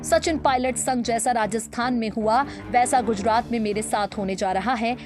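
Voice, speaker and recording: A woman's voice: a little high, moderate pace. Woman reading news over music. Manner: reads quoted tweets aloud in an even newsreader cadence. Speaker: news reader. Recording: voice-over with clear background music.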